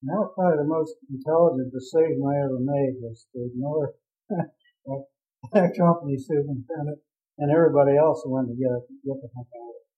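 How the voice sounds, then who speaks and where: A man's voice: on the high side, quick pace, faint music behind. A man who captained a drilling ship, telling a vivid, rambling story in an oral history interview. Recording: tinny phone-like audio.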